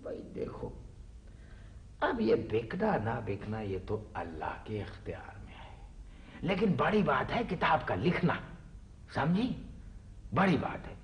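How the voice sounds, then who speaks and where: A man's voice: medium pitch, sing-song, takes it slowly, pauses often, dull audio. An actor playing a pompous middle-aged father and writer who talks in a flowery, theatrical way full of exclamations. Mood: boastful. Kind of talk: TV drama acting.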